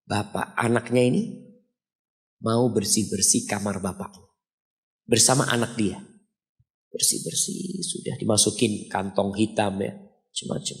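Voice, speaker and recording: A middle-aged man preaching a sermon, telling a story to his congregation and acting out the voices in it with sudden high-pitched lines. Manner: addresses the congregation directly. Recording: long hall reverb.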